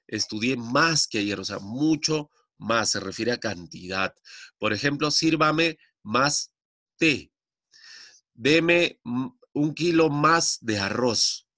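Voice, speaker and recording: A man's voice: mid-range voice, pushed and bright, no room sound, studio quality. A man teaching a classroom grammar lesson, explaining patiently and checking understanding often.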